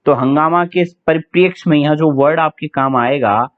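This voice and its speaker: A man's voice: a little high, normal speed. A man teaching English vocabulary for an exam, chatting with students, asking them questions and spelling words letter by letter. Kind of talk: online exam-prep vocabulary lesson. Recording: tinny phone-like sound.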